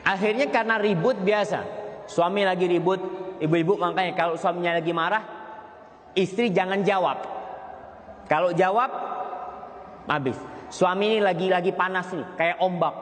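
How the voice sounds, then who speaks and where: A male preacher giving a sermon on marriage, telling stories, his voice leaping higher for emphasis. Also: normal speed, pauses often. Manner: storytelling, voice leaps higher for emphasis. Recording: echoey hall with long reverb, faint noise.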